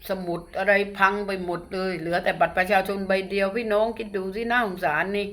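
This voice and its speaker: A woman's voice: medium pitch, steady tone, fairly quick, a bit bright. A middle-aged woman with a Southern Thai accent preaching earnestly as a radio DJ, exhorting her listeners and leading a phrase-by-phrase prayer. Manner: earnest, exhorting, addresses listeners as brothers and sisters; leads a repeat-after-me prayer in short phrases. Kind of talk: sermon with sung verses and led prayer.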